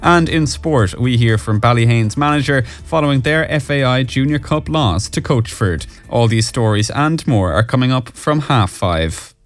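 A man's voice: medium pitch, expressive, normal speed, few pauses. An Irish man presenting scripted news headlines and weather on the radio.

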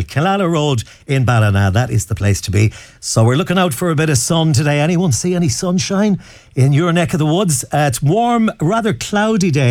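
Man, Irish accent, chatty radio presenter, higher-pitched voice, close dry studio sound. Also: darkish tone, no room sound. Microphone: close studio microphone.

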